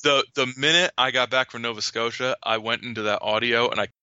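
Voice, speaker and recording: A man's voice: medium pitch, steady tone, brisk, pushed and bright, clear, resonant tone, no room sound, muffled recording. A man chatting casually as an author and podcast guest, rambling and often repeating words as he starts a sentence. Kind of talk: casual storytelling chat.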